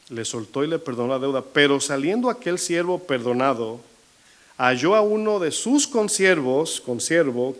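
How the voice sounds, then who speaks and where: A male pastor delivers a sermon with a Latin American Spanish accent. His voice sits somewhat high for a man, and he keeps the congregation engaged with questions. He speeds up and slows down to stress his points. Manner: preaching with rhetorical questions to the congregation; shifting pace, slowing to stress figures.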